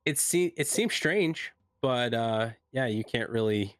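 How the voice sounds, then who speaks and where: A man working as game master, improvising narration and character dialogue in a halting, hesitant way. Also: medium pitch, animated, smooth, dry recording, studio quality. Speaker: game master of a tabletop role-playing game.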